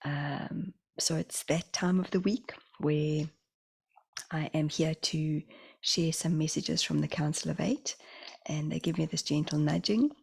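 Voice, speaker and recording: A middle-aged woman with a New Zealand accent and a slight lisp, talking in a soft, half-whispered way about spiritual messages and slowing down on key phrases. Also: low-pitched, fairly even intonation, vocal fry, slightly rough. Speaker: spiritual channeler. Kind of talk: casual spiritual vlog talk.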